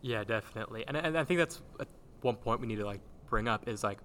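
A man hosting a casual chat in a halting, circling way, recorded in a large old gym with big-hall echo. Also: on the low side, a bit bright. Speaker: podcast host and theater director. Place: large old gymnasium used as a theater, indoors. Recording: roomy big-hall echo, background noise.

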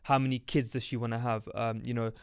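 A man's voice: medium pitch, flat delivery, fast talker, clean tone, no room sound. Young London roadman guy, dry close sound. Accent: London, urban street slang (roadman). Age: young adult. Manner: slangy urban street way of talking. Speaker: podcast host. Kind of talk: casual podcast chat.

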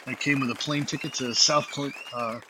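A man's voice: medium pitch, normal speed, over a noisy crowd. A man guest, a saxophonist from Florida, casually telling a rambling story and acting out old phone calls. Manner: rambling, animated, acts out quoted phone calls. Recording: dull lo-fi audio.

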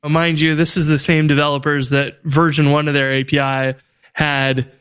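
A man with a slightly higher, smooth and resonant voice chats casually on a tech podcast. He tells stories with animated exasperation. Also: normal speed. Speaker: podcast co-host.

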